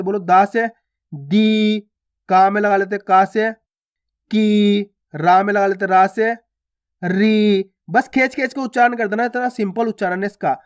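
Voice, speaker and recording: A man teaching a beginner reading lesson. He explains patiently and repeats himself, stretching vowel sounds and answering his own questions. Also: high voice. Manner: asks questions then answers them himself.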